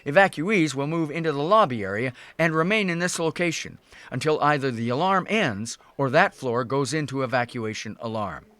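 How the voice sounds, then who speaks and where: A man narrates a scripted instructional piece. His voice sits a little higher than most men's. The delivery is measured and instructive throughout. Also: animated, a bit bright, no echo. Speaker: safety video narrator.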